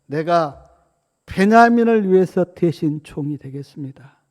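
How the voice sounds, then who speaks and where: A man's voice: fairly high pitch, lively intonation, unhurried, a little mellow. A male preacher voicing an elder brother who earnestly pleads for mercy. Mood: pleading.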